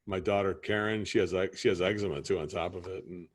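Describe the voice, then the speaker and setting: A man's voice: deep voice, fairly even intonation, fast talker, breathy edge. A man playing a homeowner customer in an improvised sales training role-play, rambling and often asking if you see what he's saying.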